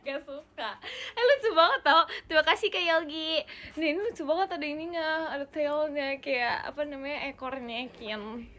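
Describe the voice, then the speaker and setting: A woman's voice: high-pitched, moderate pace, bright, forceful tone. A young woman hosting a casual phone livestream, bubbly and giggly as she chats and thanks fans for their comments. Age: young adult. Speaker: idol livestreamer. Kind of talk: casual livestream chat, reading fan comments. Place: indoor room.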